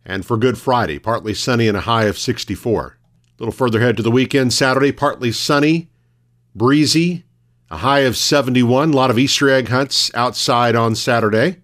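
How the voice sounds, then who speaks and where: A man hosting a local radio news broadcast, reading scripted items in a measured, formal announcer delivery. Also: mid-range voice, a bit bright.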